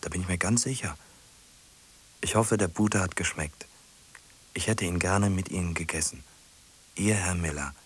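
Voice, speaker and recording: The low, husky male voice of a German radio drama actor, speaking at normal speed with frequent pauses, plays a lonely, obsessive man, anxious and pleading. Tender and halting, he mutters to himself in brief repeated phrases and often slips into whispers.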